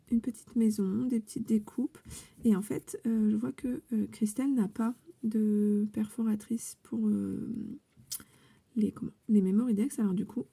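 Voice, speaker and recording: A woman's voice: mid-range voice, creaky, breathy edge. A woman in a casual scrapbooking unboxing chat, hesitant with many fillers, sometimes dropping to a whisper. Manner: chatty, hesitant, with many fillers and soft asides; drops to a whisper now and then. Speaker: scrapbooking vlogger opening a contest entry.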